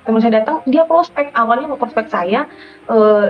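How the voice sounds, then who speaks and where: A woman's voice: fairly high pitch, normal speed. A middle-aged woman with a Madurese accent gives an emotional personal testimony and keeps calling her listeners "Saudara". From Madura, Indonesia. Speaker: testimony giver. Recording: dull lo-fi audio with faint music.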